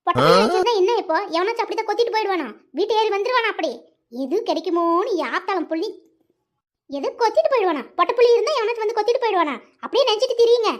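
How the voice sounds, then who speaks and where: A woman plays a touchy middle-aged village woman in a cartoon, with a very high, squeaky voice. She fires off sharp, scolding retorts at a fast clip. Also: fairly even intonation. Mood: angry. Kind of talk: cartoon voice acting.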